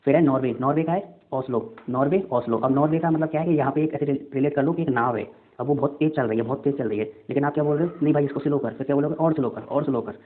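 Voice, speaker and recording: A man's voice: mid-range voice, racing, hardly any pauses. A young man teaching an exam-prep lesson, chatty, often repeating answers back as quiz questions. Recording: tinny phone-like audio.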